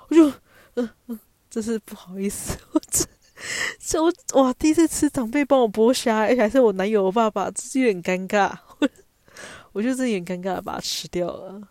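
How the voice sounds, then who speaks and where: A woman's voice: fairly high pitch, brisk, warm tone, no echo, studio quality. A young woman with a Taiwanese Mandarin accent, telling stories in a chatty, self-mocking way as a podcast host. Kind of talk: casual storytelling monologue.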